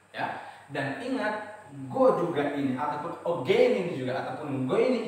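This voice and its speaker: An Indonesian man with an Indonesian accent explaining letters in a casual lesson, chanting recited verses slowly. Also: fairly high pitch, far from the mic. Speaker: Quran reading teacher. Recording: very echoey room, voice off-mic, faint noise.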